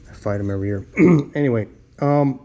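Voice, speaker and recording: A man's voice: mid-range voice, a little fast, warm tone, muffled recording. A man talking casually as a mechanic in his garage, muttering to himself in short bits of shop talk while he works. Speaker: mechanic restoring an old car in a home garage. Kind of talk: casual hands-on workshop vlog. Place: home garage.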